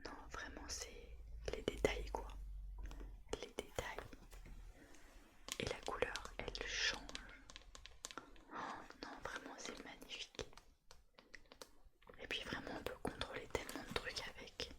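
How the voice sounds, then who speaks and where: A woman softly whispering right in your ear in a casual ASMR show-and-tell, with a gushing, enthusiastic manner. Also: a little slow, pauses often. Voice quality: soft, unvoiced whisper. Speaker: ASMR YouTuber.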